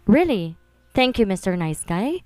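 A woman's voice: medium pitch, big pitch swings, unhurried, mellow, clean tone, dry recording. A woman voicing a cheerful, polite little boy who talks in a sweet, childlike, pleading way.

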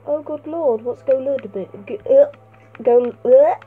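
A woman's voice: sits high, unhurried, breathy edge. Playful woman, tinny game commentary. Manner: playful, excitable, talks back at the game. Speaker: gaming channel host. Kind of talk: let's play commentary. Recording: tinny phone-like mic sound.

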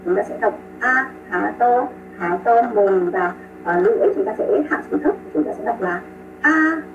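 A woman's voice: medium pitch, moderate pace, far from the mic. Woman, pronunciation teacher on a video call. Repeats and models sounds, praises students. Tinny phone-like audio with music under it. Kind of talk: online pronunciation lesson.

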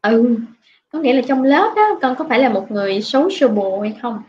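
A woman's voice: on the high side, expressive, a little fast, highs cut off, a little hiss or hum. A woman English teacher with a Vietnamese accent, correcting a student's speaking and drilling word pronunciation.

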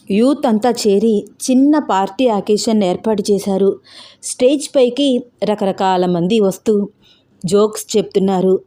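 A woman narrating an audio love story in an expressive, steady way. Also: medium pitch.

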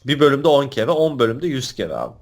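A young man playing along in a game, teasing and deadpan. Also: mid-range voice, fairly quick, gravelly. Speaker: co-player. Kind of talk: casual gaming chat.

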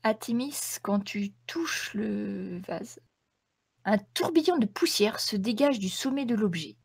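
A woman's voice: mid-range voice, lively intonation, slow pace, vocal fry, husky, dry recording. A woman game master narrating a tabletop role-playing game in a descriptive storytelling manner.

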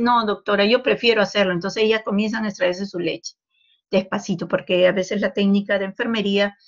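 A woman giving a university medical lecture, explaining calmly and tagging her sentences with a questioning "no". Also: mid-range voice, vocal fry, muffled recording. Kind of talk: university lecture over a call.

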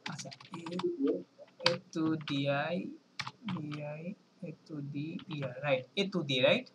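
A man teaching a French lesson on a video call, explaining slowly, spelling words letter by letter and often checking in with his students. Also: fairly high pitch, background noise. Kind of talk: online language lesson.

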